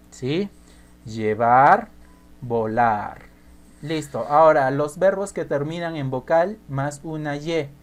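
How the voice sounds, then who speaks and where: Slow, low-voiced woman teaching grammar. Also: darkish tone. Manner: patient, repeats key points, checks in with "¿sí?" and "¿ya?". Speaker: English teacher. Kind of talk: recorded online grammar lesson.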